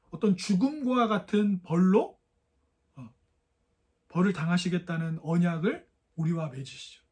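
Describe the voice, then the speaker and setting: A young adult man preaching a sermon, asking the congregation questions and acting out the voices of mockers. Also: high-pitched.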